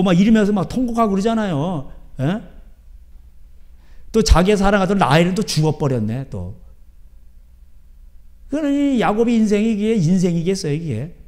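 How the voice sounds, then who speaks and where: A man's voice: high voice, a little mellow. A man preaching a sermon as pastor, in a rambling, chatty way, often asking his listeners "right?". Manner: keeps asking the crowd back "예?".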